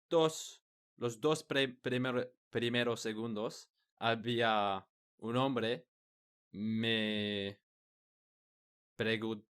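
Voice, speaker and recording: Slow, hesitant man learning the language. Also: mid-range voice, fairly bright tone, clear, resonant tone. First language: not Spanish. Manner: hesitant, searching for words with many restarts. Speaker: podcast host. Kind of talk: casual conversation in a learned language.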